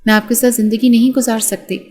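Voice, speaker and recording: A woman's voice: a little high, level tone, darkish tone, close to an everyday voice. A woman voicing a frightened young student bride in an audiobook, pleading and tearful. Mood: defiant. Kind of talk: audiobook character reading.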